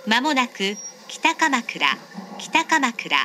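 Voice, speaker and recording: Female train announcer, formal and polite, high bright voice, some train noise behind. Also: sing-song, slow. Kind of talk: scripted automated train announcement.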